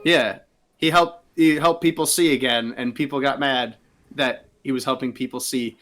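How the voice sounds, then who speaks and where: A man's voice: mid-range voice, steady tone, normal speed, fairly bright tone. A young man co-hosting a podcast, chatting casually in a rambling, giggly way with lots of fillers. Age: young adult. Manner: rambling, giggly, says "like" a lot. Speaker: podcast co-host. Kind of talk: casual chat.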